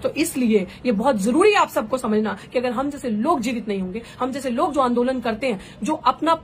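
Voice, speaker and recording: A woman's voice: on the high side, expressive, fairly quick, a little hiss or hum. A woman activist and candidate giving an impassioned live political address, rhetorical and fervent, slipping English phrases into her speech.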